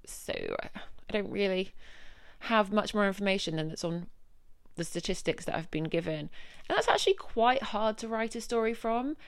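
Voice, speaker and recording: A woman's voice: mid-range voice, lively intonation, moderate pace, dry recording, clean studio sound. A young woman venting in a chatty, exasperated way about her working day, as a casual vlog. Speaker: vlogger, news journalist.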